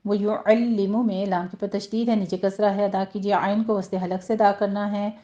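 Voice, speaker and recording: A woman recitation teacher talks through pronunciation rules step by step, pausing to model words slowly and clearly. Her voice is mellow and warm, and the recording is slightly dull and lo-fi. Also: medium pitch, level tone. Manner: patient, instructive, slows right down to model each word. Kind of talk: tajweed lesson with slow recitation.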